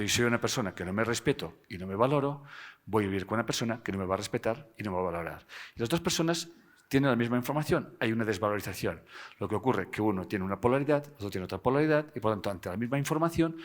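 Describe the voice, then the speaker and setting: A man gives a live talk to an audience, animated and joking, often tagging his sentences with a questioning "eh?". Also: on the low side. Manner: animated, tags phrases with "¿eh?" and jokes with the audience. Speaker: speaker giving a seminar.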